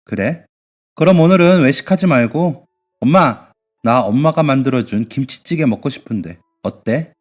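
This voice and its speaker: A man's voice: medium pitch, expressive, normal speed, lightly acted. A man voicing a cheerful young woman in a radio drama who coaxes and soothes her family playfully. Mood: coaxing. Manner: brightly coaxing, playful.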